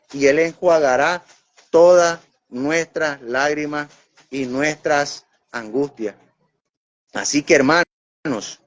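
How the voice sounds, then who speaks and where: A man preaching a Bible teaching sermon, emphatic and repetitive, with his pitch swinging up on questions and sinking low on asides. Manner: emphatic, repeats phrases for stress.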